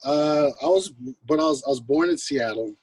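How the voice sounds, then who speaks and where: An American singer-songwriter from the West Coast and Hawaii, appearing as a guest, tells anecdotes in casual, laid-back, slangy chat. His voice is a little high, husky and darkish, at a normal speed. The recording is low quality and made from a distant mic.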